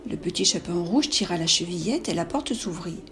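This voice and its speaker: A woman reading a classic fairy tale aloud in a clear, measured, expressive way. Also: fairly low pitch, a little hiss or hum. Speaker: storyteller.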